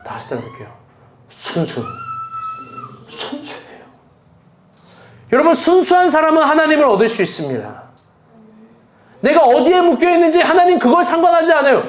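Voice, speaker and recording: A man pastor preaching a sermon in an earnest, emotional way, piling up rhetorical questions. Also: very high-pitched.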